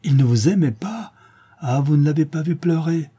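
A man voicing an old peasant woman, a devoted nurse who speaks gently and earnestly. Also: mid-range voice, moderate pace, slightly rough, natural voice.

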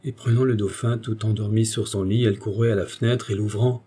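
A man narrating a classic novel as an audiobook, with expressive, theatrical delivery. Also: on the low side, a little fast, slightly rough.

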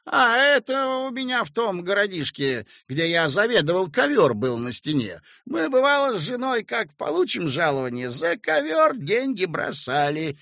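A man voicing a curt, excitable male writer who brushes off every worry. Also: sits high, slow, no room sound, studio quality, voice pushed up. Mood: brash. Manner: curt, dismissive, brash. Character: gruff excitable male writer, loud and boastful.

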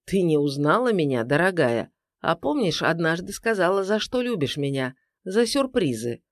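A narrator playing a calm, confident man who talks down to his captive in an even, mocking tone. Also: a little high, normal speed, no echo, clean studio sound. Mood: cold.

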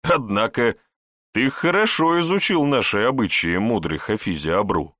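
A man reading an audiobook, voicing a gruff, wry grand prince tired of quarrels. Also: on the low side, big pitch swings, moderate pace, a bit bright, no room sound, studio quality. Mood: exasperated. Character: brusque grand prince, exasperated husband.

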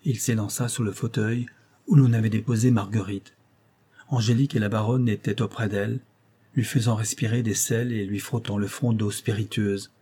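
A man narrating a classic tale as an audiobook in a steady storytelling manner. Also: lowish voice, moderate pace, slightly rough.

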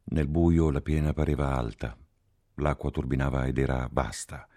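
A man reading a novel aloud in a measured, sober first-person telling. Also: rumbling low, fairly even intonation, warm tone, no room sound, studio quality. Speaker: audiobook reader. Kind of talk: scripted literary narration.

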